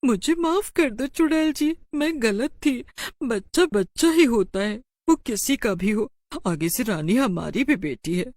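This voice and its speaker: A woman's voice: on the high side, lively intonation, measured pace, a little mellow, dry recording, clean studio sound, pitched above the performer's own voice. A woman voicing a snooty female schoolteacher who grumbles scornfully, in a storybook tale. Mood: remorseful.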